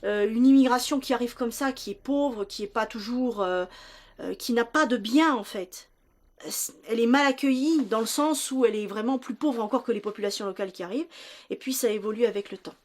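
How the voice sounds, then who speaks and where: A woman's voice: on the high side, a little fast. A woman answering interview questions, explaining in detail and often searching for words. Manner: searching for words, restarting phrases.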